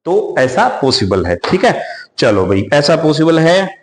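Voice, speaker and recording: A man runs a maths class, walking through each step and calling the students "beta". His voice sits a little high, and the room gives it a roomy echo. He slows down when he reads English problem text aloud. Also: sing-song. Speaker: maths teacher. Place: coaching classroom. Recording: echoey room.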